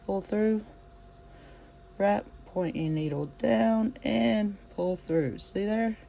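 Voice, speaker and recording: A crochet teacher giving a casual step-by-step demonstration in an encouraging, folksy way, talking each stitch through out loud. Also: medium pitch. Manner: chatty, encouraging, repeats steps aloud; homespun, folksy phrasing.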